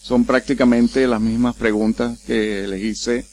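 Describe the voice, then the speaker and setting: A man interviewing a guest in a relaxed conversational way, teasing her lightly and reassuring her. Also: medium pitch, measured pace. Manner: steady questioning, teasing, reassuring.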